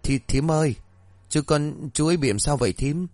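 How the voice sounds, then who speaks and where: A man's voice: mid-range voice, animated, normal speed, no room sound, voice pushed up, lightly acted. Timid orphan girl, voiced by a man. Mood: frightened. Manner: meek, polite, stammering. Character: timid obedient 12-year-old orphan girl.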